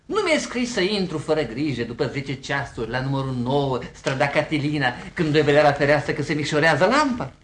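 A man's voice: a little high, expressive, few pauses, slight background noise, lightly acted. A man playing a pompous young lovesick suitor in a table reading of a stage comedy, bombastic and flowery, stumbling over fancy words. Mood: ardent.

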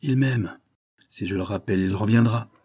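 A man's voice: fairly low pitch, normal speed, warm tone, breathy edge, no echo, studio quality. A man voicing a scheming, proud young society widow in an audiobook, speaking in a brooding monologue.

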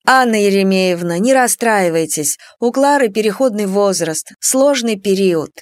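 A woman's voice: mid-range voice, animated, normal speed, no echo, studio quality, lightly acted. Woman voicing a soothing peacemaking woman. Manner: soothing, coaxing. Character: gentle peacemaking foster mother Tanya.

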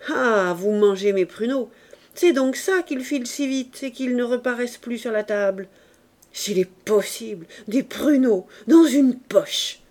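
A woman voicing a stout, imperious bourgeois mother who scolds and accuses her maid in loud, raised outbursts, in an audiobook reading of a novel. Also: a little high, fairly quick, few pauses, close to an everyday voice. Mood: furious.

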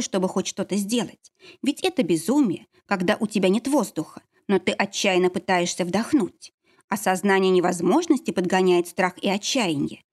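Woman narrator, dramatic first-person audiobook reading. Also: medium pitch.

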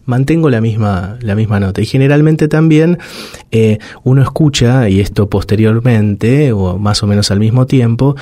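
A man's voice: medium pitch, normal speed, mellow, dry recording. A man, a psychologist guest giving reflective answers in an interview, thoughtful and hesitant, restarting often and sounding out baby babble. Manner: demonstrates baby babble aloud.

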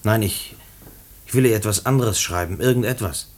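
An actor in a German radio play voices a condemned prisoner who is earnest and stubborn, speaking haltingly, pleading and often repeating himself. His fairly low voice is lightly acted, with a subdued, earnest mood.

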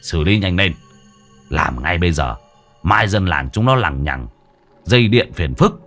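A man's voice: low-pitched, lively intonation, a little slow, a bit bright, soft background music, full character voice. A man voicing a coarse, swearing middle-aged rich landowner who bullies his workers. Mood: boastful. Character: gruff crude middle-aged male rich landowner, bossy.

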